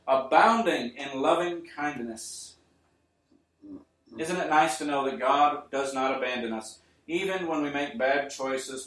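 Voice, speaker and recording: A male preacher giving an earnest sermon to his congregation, building up to emphatic points and then easing into quiet appeals. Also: mid-range voice. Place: church. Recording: roomy church sound, mic at a distance.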